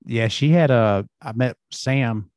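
A man's voice: mid-range voice, slow, a little mellow, dry recording, studio quality. A middle-aged man with a Southern US accent hosting a casual interview, telling folksy, rambling stories. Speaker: podcast host.

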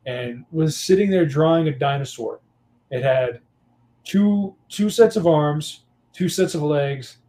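A young adult man, a guest on a casual podcast, telling teaching stories with lots of fillers. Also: medium pitch. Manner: storytelling, animated, many fillers.

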